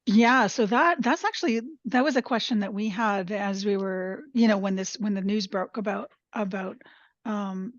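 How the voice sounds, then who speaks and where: A woman speaks at a middle pitch as a panelist on a webinar call, thoughtful and searching for her words as she goes. Her audio is dull and lo-fi, and the sound is dry with no room echo. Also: moderate pace. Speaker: forensic panelist. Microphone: video call. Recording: muffled video call audio.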